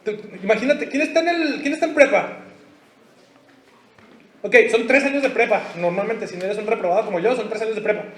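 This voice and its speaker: A man's voice: sits high, fairly quick, long pauses, reverberant. A Mexican man preaching as a pastor at a youth conference, joking in slang and acting out the people he talks about. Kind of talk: youth sermon. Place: large hall at a youth conference.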